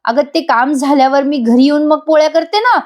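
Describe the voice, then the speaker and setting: Sly young woman begging and coaxing, woman narrator doing her, kinda high. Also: a little fast, darkish tone, lightly acted. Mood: pleading. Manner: wheedling, coaxing.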